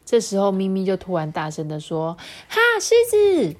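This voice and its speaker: A young mother with a Taiwanese Mandarin accent reading a picture book aloud to a child, chatty and animated. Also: on the low side, a little fast. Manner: chatty, animated, explaining asides.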